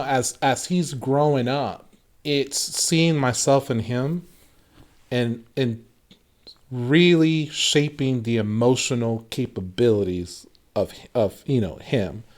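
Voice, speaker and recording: A man in his thirties talks in an earnest, reflective way on a casual faith podcast. His voice sits at an ordinary middle pitch. He keeps circling back with fillers and restarts. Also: lively intonation, takes it slowly, darkish tone. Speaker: podcast co-host.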